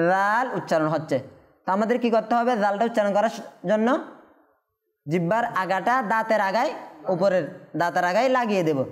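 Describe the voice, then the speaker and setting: A woman teaching Quran letter pronunciation, patiently drawing out each sound and asking her pupils rhetorical questions. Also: a little high. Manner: asks rhetorical questions to the class.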